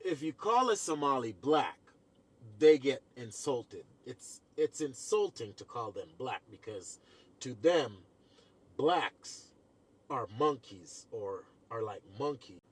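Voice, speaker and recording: A man giving crude, sarcastic commentary that builds into loud outrage. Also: medium pitch, animated, slow pace, slightly rough. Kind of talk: ranting commentary.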